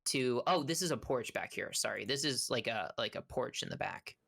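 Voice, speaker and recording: A woman's voice: extremely low pitch, animated, moderate pace, creaky, a bit bright. A woman running a tabletop game as game master, narrating casually with hesitations and self-corrections.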